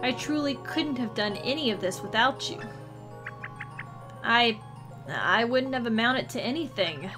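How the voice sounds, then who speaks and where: A woman's voice: fairly high pitch, lively intonation, measured pace, pauses often, over music. A woman voicing a sweet, earnest young origami girl in a video game. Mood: grateful.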